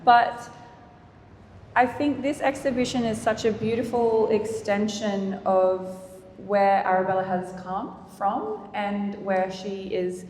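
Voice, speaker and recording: An Australian woman moderating a public panel conversation in a gallery, speaking in an earnest, measured and formal way. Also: mid-range voice, steady tone, a little mellow. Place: gallery event space. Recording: roomy hall reverb, faint noise.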